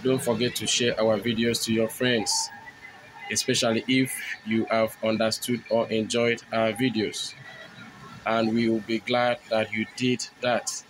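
A man narrating a step-by-step phone tutorial, explaining each button press in steady, repetitive phrasing. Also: on the low side, measured pace, a little hiss or hum, poor audio. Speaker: tech tutorial host.

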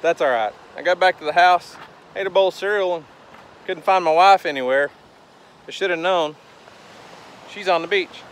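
A man's voice: sits high, moderate pace, pauses often, fairly bright tone. A man in his thirties, vlogging about fishing, talking upbeat and chatty to a camera at arm's length on a windy beach. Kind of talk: casual outdoor vlog. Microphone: handheld camera at arm's length.

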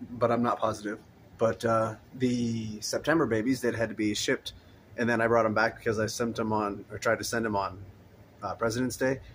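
Handheld phone in hand, a man strolls past rows of tanks in his indoor fish room, chatting and rambling casually as an aquarium vlogger. He speaks at a medium pitch, and a slight hiss or hum can be heard.

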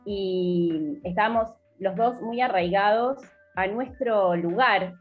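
A woman in her forties with a Buenos Aires Argentine accent, a guest on a video-call interview, explaining her experience in a steady way. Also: medium pitch, slow, narrow, tinny audio, soft background music. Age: 40s. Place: home room.

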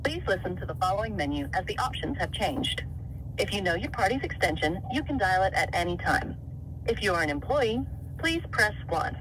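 A woman's recorded phone menu message, reading options in a measured announcing voice over the line. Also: mid-range voice, big pitch swings. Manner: measured, evenly paced announcing. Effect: recorded phone menu message heard over the line. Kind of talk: scripted phone menu prompts. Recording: loud noisy phone line.

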